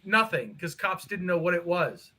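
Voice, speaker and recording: A man with a high, bright voice tells stories in a loose, animated way, swearing freely. He talks casually on a live stream and acts out the people he mentions. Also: normal speed, rough recording. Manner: animated, profane, mimics others in quotes. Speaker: co-host. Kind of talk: casual storytelling chat.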